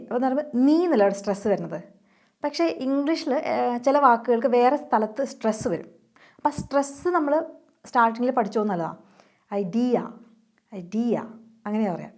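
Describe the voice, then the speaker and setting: A woman's voice: fairly high pitch, a little mellow. Chatty Malayali woman teaching English. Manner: chatty, explains step by step and checks in with learners. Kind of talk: casual online lesson.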